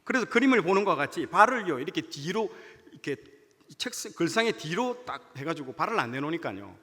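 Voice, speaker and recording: Lively high-voiced man preaching. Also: a little fast. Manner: animated storytelling, acts out dialogue. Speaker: junior pastor. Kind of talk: sermon with personal story. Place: church sanctuary. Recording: church hall reverb.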